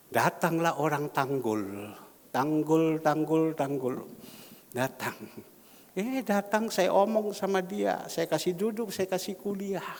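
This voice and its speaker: Animated pastor in echoing hall. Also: male voice, on the high side. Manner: animated, swinging from shouts to hushed whispers. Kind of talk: sermon. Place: large church hall. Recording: long church reverb.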